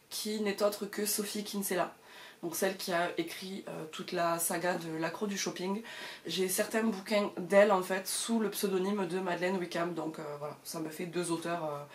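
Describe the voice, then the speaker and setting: A woman's voice: medium pitch, slight background noise. A woman chatting casually to the camera about her books at home, with lots of hesitations and fillers. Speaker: book vlogger.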